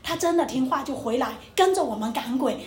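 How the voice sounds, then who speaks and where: High-voiced woman preaching in an echoey room. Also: expressive, brisk. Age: young adult. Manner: emotional storytelling, acting out quotes. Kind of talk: testimony sermon.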